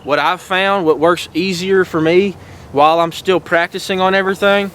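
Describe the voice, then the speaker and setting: A man's voice: high voice, fairly even intonation, normal speed, a bit bright, slight background noise, poor audio. A man giving folksy, encouraging outdoor lessons, repeating "all right" and "guys" often. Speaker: host teaching duck calling. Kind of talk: casual outdoor instruction.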